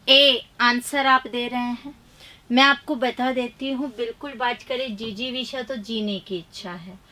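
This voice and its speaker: A woman teaching a live online grammar class, briskly reading quiz questions and options aloud, then giving and explaining the answers with emphatic, chiding remarks. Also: on the high side, pushed and bright.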